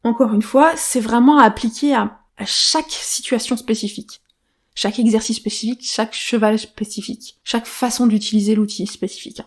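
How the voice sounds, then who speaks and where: A woman hosts a solo podcast with a slightly raised voice. She talks loosely and thinks aloud, filling pauses with small hesitations and restarting her phrases. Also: a little high, fairly even intonation. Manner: casual, thinking aloud with many fillers like "bah". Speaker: podcast host.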